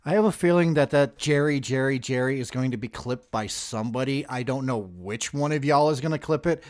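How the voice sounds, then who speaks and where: Reacting to footage as a video host, a man in his forties delivers crude, mocking, casual commentary sprinkled with jokes. His voice is medium-pitched and fairly quick.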